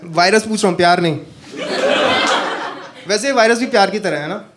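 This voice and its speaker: On a comedy stage with a live crowd, a northern Indian man with a high voice delivers a fairly quick stand-up set, animatedly telling stories and engaging the audience. The recording is very noisy.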